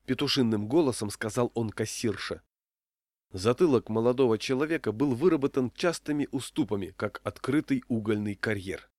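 A man reading a humorous story aloud with wry, deadpan narration. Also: mid-range voice, moderate pace, no echo. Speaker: reader.

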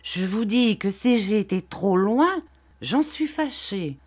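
A woman's voice: mid-range voice, expressive, slow pace, a little mellow, breathy edge, voice pushed up. A woman voicing a sly, falsely humble male clerk who fawns and threatens by turns in a storybook reading. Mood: wheedling.

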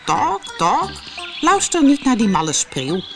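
Woman voicing a hen, storybook, clucking, prim, high-pitched. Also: huge pitch swings, takes it slowly, music in the background, full character voice.

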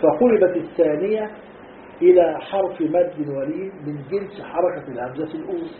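Egyptian sheikh teaching in an echoey hall. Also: male voice, fairly high pitch, a little fast, a little hiss or hum. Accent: Egyptian Arabic. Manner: asks students rhetorical questions and answers them himself. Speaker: sheikh teaching Quran commentary. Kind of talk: classroom lesson on Arabic grammar. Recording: tinny lo-fi echoey lecture hall recording.

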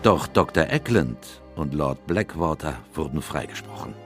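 A man's voice: very deep voice, animated, normal speed, soft background music. An actor playing an aged, melancholy English doctor who solemnly narrates his memoirs in a literary radio drama. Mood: grave, reflective. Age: older. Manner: solemn, reflective. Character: aged doctor Watson, weary melancholy chronicler of his friend's cases.

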